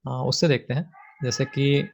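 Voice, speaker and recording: A man's voice: medium pitch, fairly even intonation, unhurried, gravelly. A man teaching grammar from slides, patiently repeating his points with frequent fillers. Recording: slightly dull lo-fi audio.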